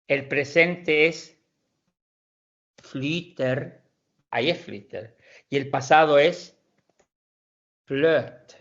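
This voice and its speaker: A man teaching an online language class, explaining slowly and patiently, with frequent restarts and repeated words. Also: medium pitch, vocal fry, a bit bright, lo-fi sound. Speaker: Swedish teacher.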